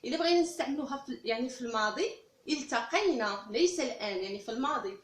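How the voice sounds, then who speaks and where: Her voice pitched high and animated, a Moroccan Arabic-accented woman leads a step-by-step French grammar lesson. She says each example phrase again slowly and with care, and the space is reverberant.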